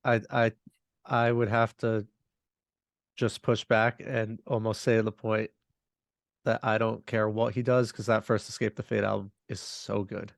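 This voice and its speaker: Gravelly-voiced man chatting casually. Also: lowish voice, unhurried, no echo, studio quality. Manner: relaxed, rambling, laughs often. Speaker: podcast co-host. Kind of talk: casual chat.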